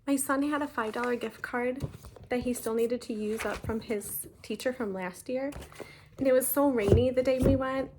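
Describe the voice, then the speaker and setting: A woman, chatting casually in a stitching vlog, talking fast and rambling with many ums and restarts. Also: fairly high pitch, fairly even intonation, noisy background. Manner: talks fast. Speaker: flosstube host.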